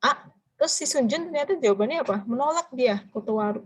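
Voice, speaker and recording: A woman teaching a language class, explaining phrases and quizzing her students with drawn-out prompting questions. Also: fairly high pitch, animated, slightly rough, rough recording. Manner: switches between explaining and drilling phrases. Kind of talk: interactive classroom lecture.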